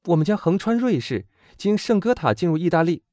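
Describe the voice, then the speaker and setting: Man voicing a bold young woman, brisk, confident, teasing, lively high voice, dry sound. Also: dry recording.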